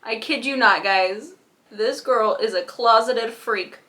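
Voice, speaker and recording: Young woman, bright, casual book recap, chatty, animated. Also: on the high side, slow pace. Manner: chatty, animated retelling with quoted voices. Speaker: book vlogger. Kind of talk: casual book recap while doing makeup.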